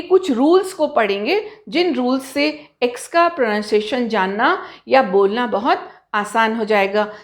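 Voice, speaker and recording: Slow, animated woman teaching pronunciation. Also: on the high side. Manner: asks questions and answers them herself; slow, drawn-out spelling of example words. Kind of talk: explanatory lesson to students.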